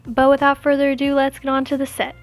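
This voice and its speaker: A woman's voice: high-pitched, monotone, fast, a little hiss or hum. A young woman with a Southern US accent, narrating her nail tutorial in a chatty, self-mocking way. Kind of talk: casual voice-over narration.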